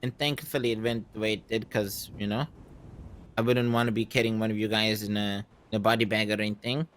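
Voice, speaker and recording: A man in a casual roleplay conversation, speaking reflectively and haltingly, often saying "you know". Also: fairly low pitch, fairly even intonation, fairly bright tone. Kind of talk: in-character gaming roleplay conversation.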